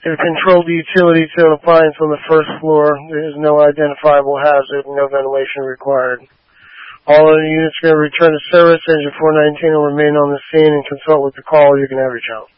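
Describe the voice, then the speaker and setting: A man's voice: fairly high pitch, level tone, fast talker, no echo. A man giving clipped, procedural emergency radio traffic as a fire officer, heard over a walkie-talkie. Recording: tinny dry two-way radio.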